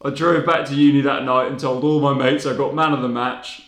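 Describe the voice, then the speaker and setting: A man's voice: mid-range voice, brisk. Young man telling stories in a roomy space. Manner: relaxed storytelling, swears casually. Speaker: podcast co-host. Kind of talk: casual chat. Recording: roomy echo.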